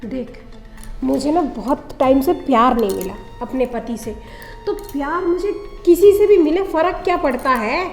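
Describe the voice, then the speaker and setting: A woman's voice: high voice, moderate pace, faint music behind. An actress playing a rich, lonely wife in a scripted short drama. She coaxes at first and then turns bossy and threatening. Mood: domineering. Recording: echoey room with long reverb.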